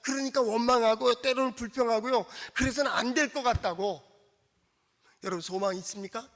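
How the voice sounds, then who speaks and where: High-voiced pastor preaching in a reverberant church. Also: male voice. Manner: preaching with call-and-response questions to the congregation; acts out quoted speech in a soft, coaxing tone. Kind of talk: sermon. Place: church sanctuary. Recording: long church hall reverb.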